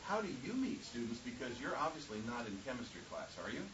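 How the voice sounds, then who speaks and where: A man's voice: medium pitch, big pitch swings, fast, recorded from a distance. A man hosting a casual panel discussion, telling folksy stories and acting out other people's voices. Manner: folksy storyteller, acts out voices in anecdotes. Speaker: host. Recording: muffled recording with hiss.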